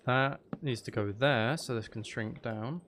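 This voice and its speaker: A live streamer playing a building game chats casually with viewers in a mid-range voice at a measured pace, over a noisy background. He often murmurs half to himself, trails off, and is self-deprecating.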